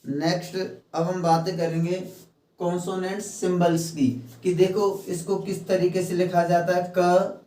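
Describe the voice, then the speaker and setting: A man teaching a phonetics lesson, explaining each point slowly and step by step, slipping English terms into his talk. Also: high voice, level tone, mellow, recorded from a distance. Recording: echoey room, mic set back.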